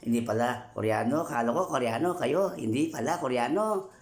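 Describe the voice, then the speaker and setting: A man's voice: mid-range voice, animated, normal speed, reverberant. A man hosting a casual food vlog from a night market, joking and laughing as he eats and talks to viewers. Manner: playful, laughing, jokey. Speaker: food vlogger.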